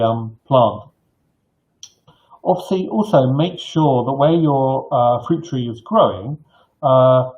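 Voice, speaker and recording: A middle-aged man giving informal advice on a live stream, explaining haltingly with frequent pauses. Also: mid-range voice. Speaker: gardening live stream host. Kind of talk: informal question-and-answer advice to camera. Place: bright living room indoors. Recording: dull lo-fi webcam sound.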